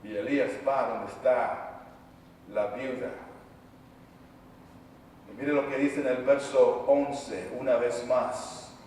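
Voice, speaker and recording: A man preaching a sermon as pastor, impassioned, swinging between quiet pleading and shouting. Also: mid-range voice, fairly even intonation, slow, long pauses, a little hiss or hum. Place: church sanctuary. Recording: echoey church hall from far off.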